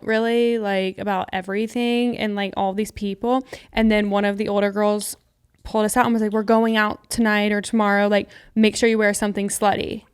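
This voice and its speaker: Young woman, smooth clear voice, casual podcast chat, rambling stories. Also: medium pitch. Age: young adult. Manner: rambling storytelling, swears freely. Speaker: podcast co-host.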